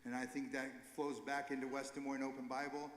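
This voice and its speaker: A man leading a recovery ministry gives an informal, earnest church talk, halting and correcting himself as he goes. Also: mid-range voice, little pitch movement. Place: church sanctuary. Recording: echoey hall with long reverb.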